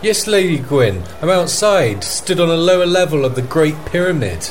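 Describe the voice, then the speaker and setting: Playing a field correspondent, a podcast host reads a scripted news report in an earnest, formal way. His voice is fairly high and animated, his pace moderate, with soft music, faint background noise and ambience behind him.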